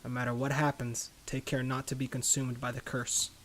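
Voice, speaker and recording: A man's voice: mid-range voice, monotone, normal speed, fairly bright tone. A man hosting a let's play, reading game text aloud and adding casual commentary. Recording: faint background noise.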